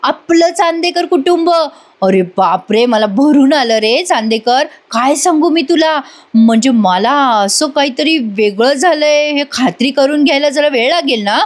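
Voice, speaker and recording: A woman voicing a teasing, sarcastic young woman who mocks slowly and draws out her words. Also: high-pitched, expressive. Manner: mocking, drawn-out teasing.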